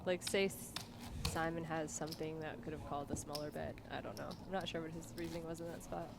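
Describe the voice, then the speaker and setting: Woman chatting poker commentary, laid back and unsure, lower voice, noisy line behind her. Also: fairly even intonation, fast. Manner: casual, hedging, conversational. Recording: clear background noise.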